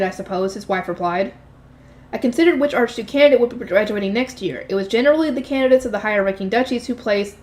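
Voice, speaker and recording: A woman reading a light novel aloud, unrehearsed, often slipping and correcting herself. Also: fairly high pitch. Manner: unrehearsed reading with frequent slips and self-corrections.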